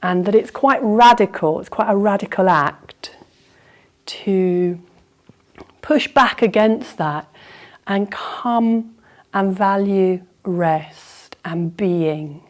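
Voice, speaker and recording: At a medium pitch, this woman gently improvises her way through a guided yoga nidra meditation. She is unhurried and soothing, leaving reflective pauses as she teaches.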